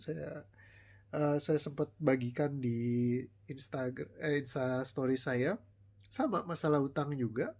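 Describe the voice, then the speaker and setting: A man with a middle-range voice coaches his audience in a relaxed, live motivational talk. He tells stories conversationally and slips into slang and the odd English phrase. When he acts out what other people said, his pitch jumps. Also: a little slow, husky. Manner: conversational, storytelling, mixes slang and English words; animated, voices quoted people with rising pitch. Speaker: life coach.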